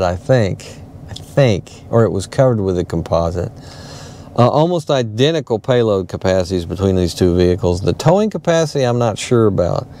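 A man's voice: fairly low pitch, mellow, slight background noise. A man giving a casual, rambling walkthrough of a pickup truck's cab, correcting himself often as he goes. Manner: rambling, self-correcting, lots of fillers. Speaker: car reviewer. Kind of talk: casual walkthrough of a vehicle interior.

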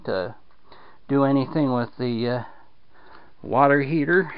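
This man's mid-range voice is smooth and a little slow, with no echo, as he drawls through a filler-heavy, rambling home repair tour of a damp basement. He shoots it on a handheld camera whose audio sounds dull and lo-fi.

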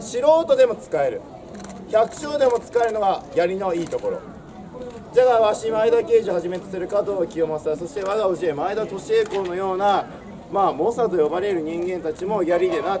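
A man's voice: high voice, recorded from a distance. A young man giving a theatrical history lesson outdoors in old samurai speech, projecting in a swaggering, declamatory storyteller's manner. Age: young adult. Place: outdoors in front of a castle stone wall. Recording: outdoor recording with crowd, birds and traffic.

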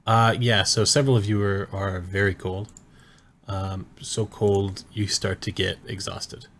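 A man narrating a tabletop game as game master, describing scenes in a calm, measured way. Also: lowish voice.

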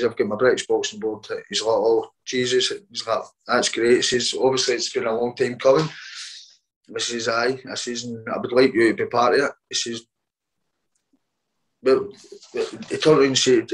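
A man's voice: medium pitch, a bit bright, low-quality recording. Boxer telling his story. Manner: halting, repeats words, quotes others as he tells it. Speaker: boxer being interviewed. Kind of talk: casual interview storytelling.

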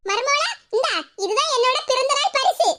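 A woman's voice: extremely high pitch, normal speed, heavy background noise. A woman voicing a sweet, fussing older mother-in-law in a cartoon, speaking with a Tirunelveli Tamil accent. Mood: doting. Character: affectionate older mother-in-law, doting and cheerful. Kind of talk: cartoon voice acting.

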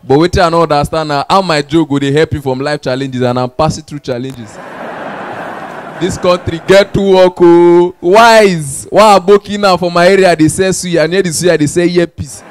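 A man's voice: on the high side, moderate pace, slight background noise. A Nigerian man doing stand-up comedy, with loose, rambling jokes and sung asides. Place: comedy stage.

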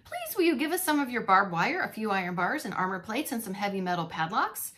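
A woman voicing three small, frightened but defiant little wolves in a storybook read-aloud, chanting refusals loudly. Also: medium pitch, very animated, a little fast, slight background noise. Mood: pleading.

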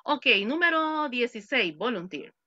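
A woman's voice: high voice, sing-song, moderate pace, dull audio, noisy background. A woman teaching an online English class in Spanish, patiently repeating words and examples for her students. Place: home. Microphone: computer mic on a video call.

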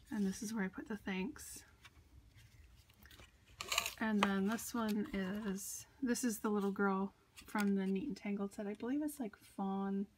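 At her craft desk, a congested woman from the United States chats through a casual show-and-tell of her handmade cards, using fillers and little laughs. Her voice is mid-range, with slight background noise.

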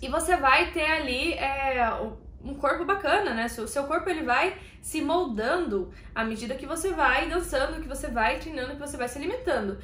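A woman's voice: high-pitched, normal speed, few pauses, sharp tone. A woman teaching belly dance online, chatting in a casual, slangy and encouraging way. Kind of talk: casual online lesson talk. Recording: echoey room.

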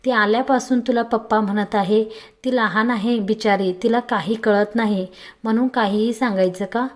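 A woman's voice: a little high, fairly even intonation, normal speed, lightly acted. A woman voicing an irritable, proud young mother in a romantic story reading. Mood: accusing.

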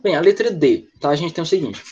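A Brazilian man with a slightly high voice teaches an English lesson over a video call, explaining things step by step and answering students by name. The audio is dull and lo-fi. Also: animated, quick pace, a little mellow, slightly rough. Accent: Brazilian Portuguese. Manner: explanatory, talks with students by name and reads the chat. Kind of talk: online class lecture.

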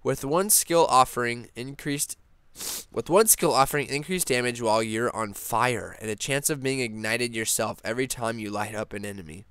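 Rambling young man with smooth dry voice. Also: mid-range voice, normal speed, no room sound. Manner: rambling, excitable, frequent fillers and restarts. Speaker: gaming channel host. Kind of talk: casual gaming news vlog.

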